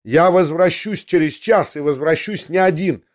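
A man's voice: a little high, normal speed, no room sound, studio quality, voice pushed up, close to an everyday voice. A man as an impetuous young man. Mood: passionate. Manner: exclaiming, insistent.

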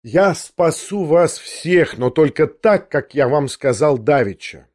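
A man's voice: on the high side, lively intonation, slow pace, darkish tone, no echo, clean studio sound. A man reading an audiobook, voicing an impetuous young man who speaks in earnest, insistent exclamations. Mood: passionate.

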